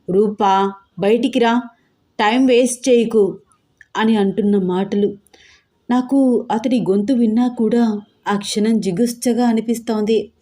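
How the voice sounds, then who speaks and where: A woman's voice: mid-range voice, mellow. A woman narrating a first-person story in a tense, fearful storytelling voice.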